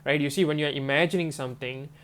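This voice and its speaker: A manifestation coach talks casually to camera, rambling with lots of "you know" and "um." He has a cold, so his voice is congested from a stuffy nose and swollen throat. His pitch is fairly high and even, the pace fast and a bit bright, with slight background noise.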